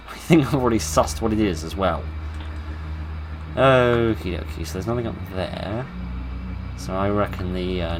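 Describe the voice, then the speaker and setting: Playing through a horror game, a British man reads the story aloud and comments casually, his humour dry and tongue-in-cheek. He has a low voice, and there's background noise.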